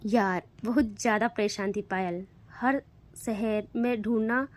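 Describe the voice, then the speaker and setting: A woman's voice: medium pitch, steady tone, unhurried. A woman narrating a love story in a casual, chatty way, talking to the listeners directly.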